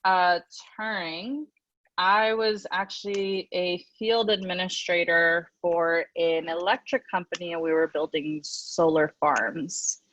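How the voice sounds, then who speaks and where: A woman introducing herself to her class on a video call, joking and unhurried. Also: on the low side, fairly even intonation, a bit bright, highs cut off. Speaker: student.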